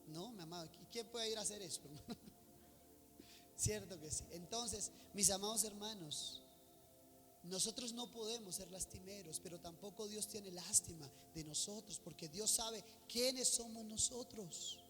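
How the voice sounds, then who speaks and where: High, bright-voiced preacher in a hall. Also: male voice, unhurried, soft background music. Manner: preaching fervently, voices congregants in quoted asides. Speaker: pastor. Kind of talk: sermon.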